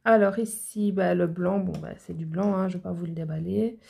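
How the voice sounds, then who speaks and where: A woman's voice: fairly low pitch, fairly even intonation, normal speed, creaky, warm tone, slightly rough. A woman nail educator talking in a chatty, enthusiastic way to her viewers in a casual product haul, with many fillers and restarts.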